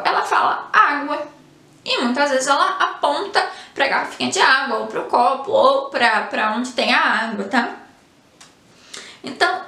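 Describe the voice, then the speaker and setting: A high-pitched woman explains a topic step by step in a patient, teacherly way. Her voice is bright and clear, and it rings in a noticeably echoey room. She keeps checking in with short tags as she talks. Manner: explains patiently, ends phrases with "tá?" and "né?". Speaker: psychologist. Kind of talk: educational explainer.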